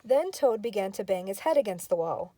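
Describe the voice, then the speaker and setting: A woman's voice: medium pitch, sing-song, fairly quick, dark tone, dry recording. An older woman, a grandmother, reading a children's storybook aloud.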